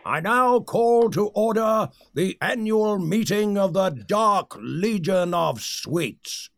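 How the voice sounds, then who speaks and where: An actor playing a pompous, short-tempered male leader of a secret candy society in a comedy audio sketch, with grand theatrical speeches and a gravelly voice. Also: wildly swooping pitch, takes it slowly, no room sound, clean studio sound, full character voice. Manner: theatrical, booming speeches, easily irritated.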